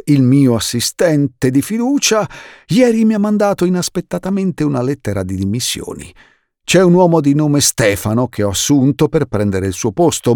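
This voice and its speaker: A man's voice: on the high side, no room sound, clean studio sound, voice pushed up. A man voicing a jolly, enthusiastic uncle who is a snake scientist, exclaiming eagerly in an audiobook reading. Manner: exuberant, warm, exclaiming. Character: jolly enthusiastic older male herpetologist uncle.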